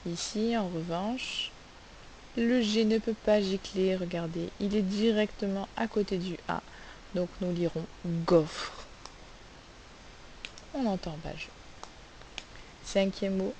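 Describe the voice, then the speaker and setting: A woman teaching a phonics lesson, sounding out letters and syllables slowly and asking the class questions. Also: medium pitch, a little mellow, low-quality recording. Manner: slow, carefully spelled-out sounds, asks questions. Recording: faint hiss.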